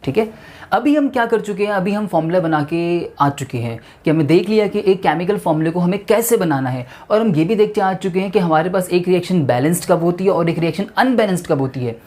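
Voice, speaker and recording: A man's voice: high-pitched, lively intonation, fast talker, darkish tone. A male teacher giving a chemistry lesson, who keeps asking rhetorical questions and then answers them himself.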